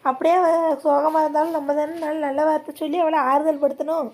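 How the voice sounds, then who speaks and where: High-voiced woman calmly soothing. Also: fast talker. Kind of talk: comic family skit acting.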